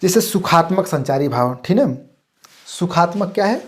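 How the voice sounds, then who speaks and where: A man's voice: sits high, expressive. Hindi teacher man checking his class. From India. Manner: repeats "ठीक ना?" to check the class, stresses each term; reads lists of terms slowly and clearly. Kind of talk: exam-prep lecture.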